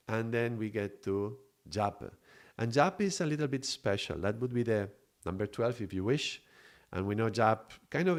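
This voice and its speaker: A man from Mallorca, teaching on a spiritual live stream in an unhurried, reflective way and greeting viewers. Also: medium pitch. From Mallorca, Spain. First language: Spanish.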